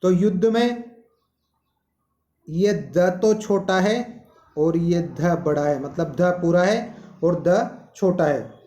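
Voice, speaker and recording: Man with teaching slow, asks the class questions, roomy echo. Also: high-pitched, dark tone. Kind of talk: classroom-style lesson.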